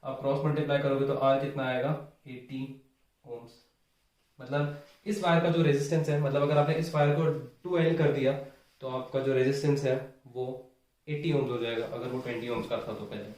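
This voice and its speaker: A man's voice: medium pitch, steady tone, moderate pace, a little mellow. Echoey male physics teacher. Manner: explains step by step, checks in with "ठीक है" and "है ना". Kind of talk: whiteboard lesson, Hindi mixed with English. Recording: very echoey room, mic at a distance.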